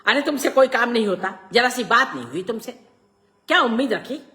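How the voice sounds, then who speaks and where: A woman's voice: medium pitch, big pitch swings, slow pace. A woman doing a stern scolding father. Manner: scolding, loud. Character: stern, irritable middle-aged father.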